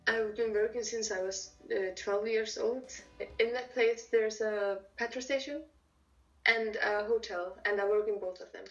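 Teen female interviewee from Iceland, monotone and matter-of-fact, dull lo-fi recording. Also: mid-range voice, unhurried, faint music behind. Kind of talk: casual interview answers.

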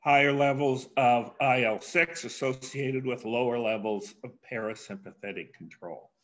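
An older man giving a keynote academic lecture, speaking in a measured way with frequent pauses and filler sounds. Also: medium pitch, a bit bright. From USA.

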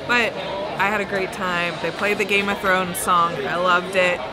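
A woman's voice: mid-range voice, little pitch movement, unhurried, loud music behind the voice, over a noisy crowd. A young woman co-hosting a travel vlog, chatting in a bubbly way and often saying "like". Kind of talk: casual chat. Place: aboard a cruise ship, indoors.

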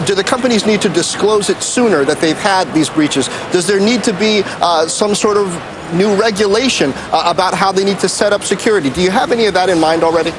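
A man's voice: high-pitched, a little fast, background noise. A man co-anchoring a live business news show, asking probing questions with hesitant fillers.

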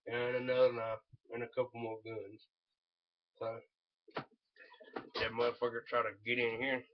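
A dull, lo-fi home recording of a young man with a Southern US accent. He speaks at a middle pitch in a casual, rambling way. He is blunt and swears freely, as if talking to viewers from his room. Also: completely flat delivery, a little slow. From North Carolina, United States. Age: young adult. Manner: blunt, laid-back, heavy swearing. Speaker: vlogger reviewing chewing tobacco. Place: small room at home, indoors. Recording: dull lo-fi webcam audio.

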